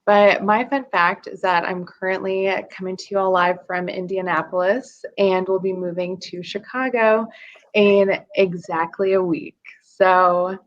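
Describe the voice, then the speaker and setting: A woman's voice: medium pitch, flat delivery, unhurried. Bubbly woman on dull call audio. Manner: bubbly, enthusiastic. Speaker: development manager. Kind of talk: casual video call introduction. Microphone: video call.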